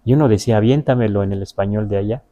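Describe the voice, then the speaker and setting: A man's voice: fairly low pitch, very fast, dark tone, lo-fi sound. A man with a Mexican Spanish accent whose first language is Nahuatl, teaching in a patient, conversational way and checking in with his listeners. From Huasteca region of Veracruz, Mexico. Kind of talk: explanatory question-and-answer lesson.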